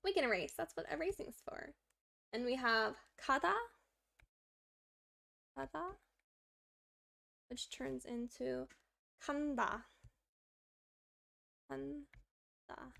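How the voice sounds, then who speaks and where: A woman's voice: sits high, a little slow, vocal fry, pauses often, fairly bright tone. A woman on a live study stream, reading lesson text aloud and chatting to herself as she writes out examples in an upbeat way. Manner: upbeat, talks to herself while working through examples. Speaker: livestreaming language learner.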